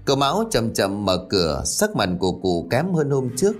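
A man narrating a ghost story in an expressive storytelling manner. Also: mid-range voice, moderate pace. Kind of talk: scripted horror story narration. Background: faint background music.

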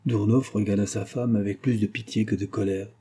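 A man narrating an audiobook with a low, very dark voice and a husky grain. His reading is steady and even, carrying the story along at an unhurried pace. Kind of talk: scripted narration.

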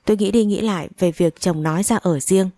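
A woman narrating a first-person family drama story in a steady reading voice. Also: mid-range voice, brisk, no room sound, clean studio sound.

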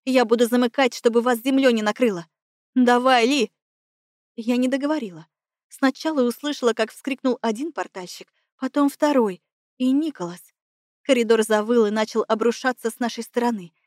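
A woman's voice: on the high side, a little mellow, no room sound. Woman narrating an audiobook, dry studio sound. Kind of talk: first-person fantasy audiobook narration.

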